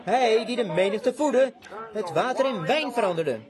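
A man's voice: high-pitched, lively intonation, moderate pace, crowd noise. A man preaching a fervent sermon to a congregation, with cries of amen and repeated words. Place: church before a congregation. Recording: congregation audible behind.

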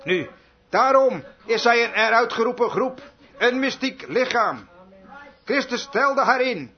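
A fervent male preacher with a high voice, firing rhetorical questions and answering them himself. He repeats his key lines for weight. The recording sounds dull and lo-fi, like an old sermon tape. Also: expressive, unhurried. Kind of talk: revival sermon with altar call.

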